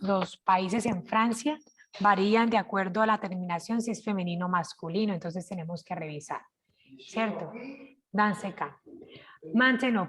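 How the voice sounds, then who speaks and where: Una maestra colombiana con acento de su tierra dicta una clase virtual de francés. Su voz femenina, de altura media, avanza sin prisa, con pausas para preguntar si el grupo entiende y repeticiones lentas de cada expresión. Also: female voice, mid-range voice, fairly bright tone. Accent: Colombian Spanish. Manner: slow, careful pronunciation of French examples; checks in with frequent "¿cierto?". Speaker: French teacher. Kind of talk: online class, sharing screen.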